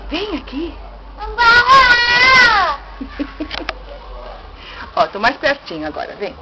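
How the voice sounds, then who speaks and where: A woman's voice: sits high, very animated, fairly quick, dull audio. An older woman with a Brazilian accent, a grandmother coaxing a toddler to walk at home with repetitive, sing-song urging. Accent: Brazilian Portuguese. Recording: home video with loud background noise.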